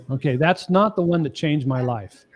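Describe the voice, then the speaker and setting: This middle-aged man, a marriage coach appearing as a guest on a podcast interview, walks through his points step by step, earnest and emphatic. He often asks the listener "okay?" His voice is a little high, and the recording has its highs cut off.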